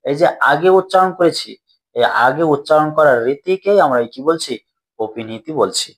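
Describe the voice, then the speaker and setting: A man with a voice pitched a little above the usual talks through a grammar lesson, step by step. He keeps putting questions to his students and answering them himself, going over each point twice. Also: lively intonation, moderate pace. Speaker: teacher.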